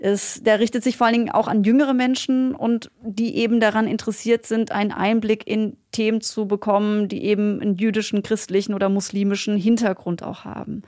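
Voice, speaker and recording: A woman's voice: medium pitch, little pitch movement, a little fast, few pauses, mellow, no echo, clean studio sound. A woman hosting a podcast in casual conversation, asking questions and summing up. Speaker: podcast host.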